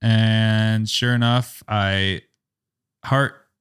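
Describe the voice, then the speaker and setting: A young man, a photographer, telling a story in a casual podcast interview, rambling and animated, with a lot of "like" and acted-out quotes. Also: fairly low pitch, drawn-out words, smooth. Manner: animated, rambling, heavy use of "like", acts out quotes. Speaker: photographer and business owner, podcast guest.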